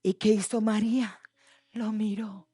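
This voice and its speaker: A woman pastor preaching a sermon, moving from soft, hushed passages to loud, impassioned declarations. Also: mid-range voice, level tone, unhurried, breathy edge, no room sound, clean studio sound. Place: church.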